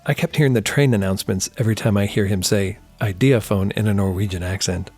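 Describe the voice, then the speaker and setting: A man's voice: fairly low pitch, quick pace, darkish tone. A man with a Northwestern United States accent, narrating his own music podcast as host and producer, explaining things with friendly asides.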